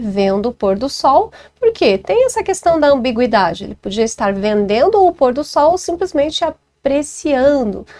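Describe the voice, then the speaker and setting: Brazilian female teacher, chatty exam walkthrough over a screen recording, higher pitch. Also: a little mellow. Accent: Brazilian Portuguese. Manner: chatty, checks in with listeners often.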